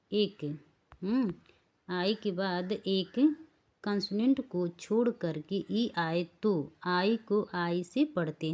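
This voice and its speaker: In a slow spelling-rule lesson, a woman with a medium-pitched, darkish voice teaches English pronunciation rules. She goes through words letter by letter, checking that the learners follow along.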